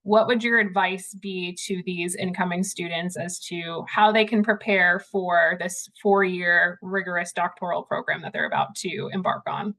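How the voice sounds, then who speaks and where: A woman's voice: lowish voice, moderate pace, few pauses. A woman hosting an admissions student panel in a casual, conversational way over a video call. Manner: casual, conversational, relaxed phrasing.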